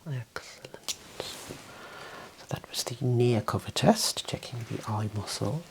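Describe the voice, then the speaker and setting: Playing an eye examiner for an ASMR video, a man in his thirties whispers calm, soft, breathy instructions close to the mic in a small room. His medium-pitched voice is creaky and unhurried.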